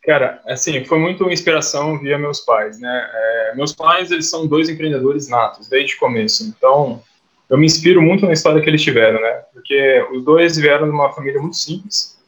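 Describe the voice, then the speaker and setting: A man's voice: a little high, fairly quick, a bit bright. Easygoing man. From Minas Gerais, Brazil. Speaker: guest, company co-founder. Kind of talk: casual interview talk. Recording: dull lo-fi sound.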